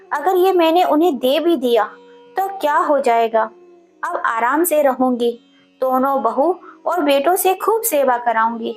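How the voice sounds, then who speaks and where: A woman telling a story in scripted narration, with a steady storytelling delivery. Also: high-pitched.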